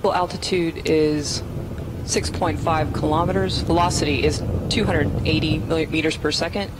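A man's voice: on the high side, fairly even intonation, normal speed, very noisy. A man giving terse technical readouts as mission control radio callouts over a voice loop. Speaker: launch control announcer.

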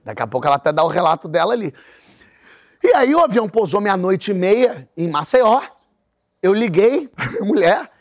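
A Brazilian man in his forties, hosting a talk show, narrates a funny mishap with lots of energy. His voice sits fairly high, and he slips in brief impressions of the people in the story. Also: fairly quick. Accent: Brazilian Portuguese. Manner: animated anecdote telling with voiced characters. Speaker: host.

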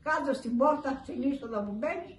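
An older woman in her eighties with a high voice tells her story in a rambling, lively way during a news interview. She sounds a little distant from the mic, in an echoey room with faint ambience behind her. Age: 80s. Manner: rambling, vivid retelling that acts out dialogue. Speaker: interviewee, burglary victim. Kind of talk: recounting events in a news interview.

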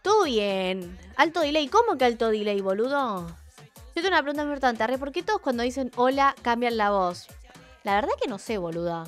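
A woman's voice: a little high, very animated, brisk. A young woman with an Argentine accent, chatting casually on a livestream, rambling, joking and poking fun at herself in slangy talk. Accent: Argentine Spanish. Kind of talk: casual live-stream chat. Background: faint music.

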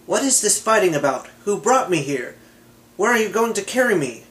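A youthful male god from an old myth, pleading and then commanding, in a somewhat high voice and a quick, lightly lifted delivery, as a man reading a storybook puts him on. It stays close to a plain reader's voice. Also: very animated, fairly bright tone. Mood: plaintive.

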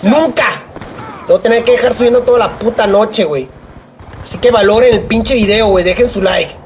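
A young man with a Mexican accent giving live gameplay commentary, swearing, joking in rambling asides and yelling at opponents. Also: high voice, brisk, slight background noise. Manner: profane, excitable, yells at opponents. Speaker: gaming YouTuber.

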